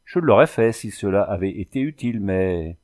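A man's voice: fairly low pitch, animated, normal speed, a little mellow, close to an everyday voice. A man voicing a reserved young man who answers briefly and with restraint. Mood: restrained. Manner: short restrained replies.

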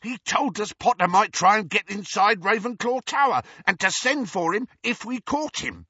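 Shrieking brute of a dark wizard, as a man puts him on. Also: sits high, animated, moderate pace, breathy edge, no echo, pitched above the performer's own voice, heavily acted. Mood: sly. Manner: shrieking, bellowing, coarse. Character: uncouth brutish male dark wizard, coarse and bullying. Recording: slightly dull, dry recording.

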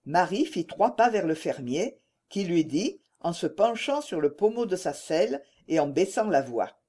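A woman reading a classic novel aloud as an audiobook narrator, in a measured storytelling manner. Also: lowish voice, big pitch swings, warm tone. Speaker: audiobook reader.

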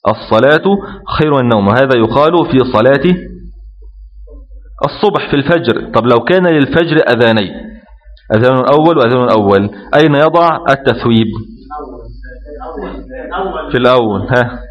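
A man's voice: mid-range voice, moderate pace, long pauses, big-room sound. A man teaching a lesson, reading passages aloud and then explaining them, often checking that his students follow. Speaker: Islamic jurisprudence teacher. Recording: slightly muffled lo-fi recording.

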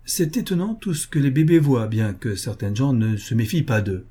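A man reading as a witty young gentleman who teases his companions with playful tall tales. The voice is dark and husky in a novel read aloud. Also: medium pitch, very animated, normal speed. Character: young Englishman, witty and teasing.

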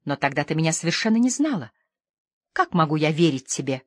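A feverish, tormented lady lost in opium dreams, as a woman reader puts her on. She pleads and yearns in a low voice, swinging between hushed murmurs and sudden outbursts. The audiobook reading sounds close and dry. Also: very animated, a little fast, no room sound. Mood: reproachful.

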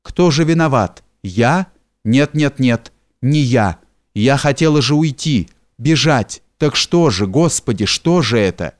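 A man's voice: medium pitch, animated, unhurried, no echo, close to an everyday voice. Frantic despairing princess, breathless and half-whispered, read by a man, dry close sound. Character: distraught young noblewoman, a princess in despair.

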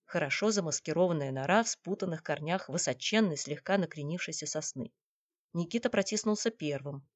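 Low-voiced woman narrating a novel. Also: expressive, a little fast, no room sound. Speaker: audiobook narrator. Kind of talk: scripted narration.

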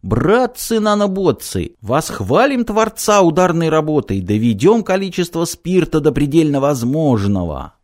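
A man's voice: a little high, very animated, measured pace, few pauses, a little mellow, pitched above the performer's own voice. A man voicing a plucky tiny male nanobot in a storybook tale, calling out earnestly. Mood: rallying.

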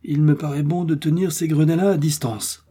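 An eager, excitable servant blurts out quick exclamations in a voice pitched well above the reader's own, a man doing the voice. It still carries a dark, husky grain. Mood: excited. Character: loyal excitable male servant.

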